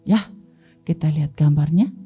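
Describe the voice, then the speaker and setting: A woman's voice: low voice, moderate pace, breathy edge, muffled recording, soft background music. A woman Sunday school teacher with an Indonesian accent, telling children a Bible story and asking them questions along the way. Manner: lively, asks the children questions and answers them.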